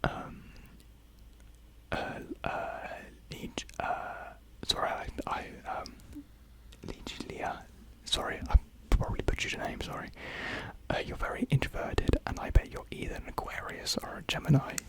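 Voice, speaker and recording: This is a casual ASMR chat where a young adult reads out and responds to viewer comments. The whisper is gentle, airy and close-miked, and the measured delivery stays unsure, meandering and self-deprecating.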